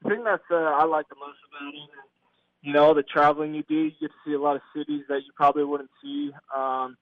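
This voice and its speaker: Over a tinny, narrow phone line, a Californian baseball player in his 20s chats as a relaxed interview guest. He talks quickly in a somewhat high, steady voice, and the recording is dry.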